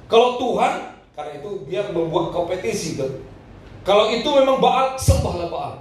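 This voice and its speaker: A man's voice: high voice, animated, moderate pace, slight background noise. A man preaching a sermon to a congregation, telling a personal story and laughing between phrases. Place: church hall. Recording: echoey hall, voice from a distance.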